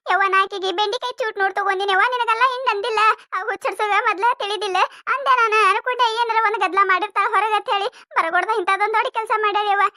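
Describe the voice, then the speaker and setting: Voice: fairly even intonation, fast, few pauses, bright, forceful tone, no echo, studio quality, exaggerated voice. A voice actor playing a scolding older village mother-in-law with a North Karnataka accent in a cartoon comedy. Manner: scolding, nagging, shrill.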